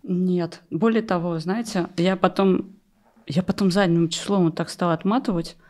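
In this podcast interview, the guest is a Russian opera rehearsal pianist in middle age, recounting her life with wry self-deprecation and frequent self-corrections. Her voice is on the low side and darkish, steady in tone, at a normal speed. She sits close to a studio microphone on a stand in a small furnished studio.

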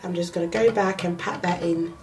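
Speaking in a lowish, steady and slightly mellow voice, this makeup vlogger sounds nasal from a cold. She chats step by step through her routine at an unhurried pace, dropping in fillers, with the camera held close to her face inside her small bedroom.

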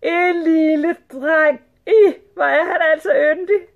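A woman's voice: extremely high pitch, creaky, narrow, tinny audio, pitched above the performer's own voice. A woman voicing the sultan's wives, squealing and cooing over a little boy. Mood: gushing. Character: gushing crowd of sultan's wives.

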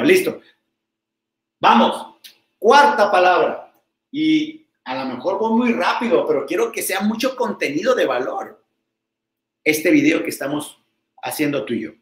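A man with a Mexican accent giving a lively live sales coaching talk, quick and energetic, acting out short exchanges with customers. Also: a little high. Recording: roomy echo.

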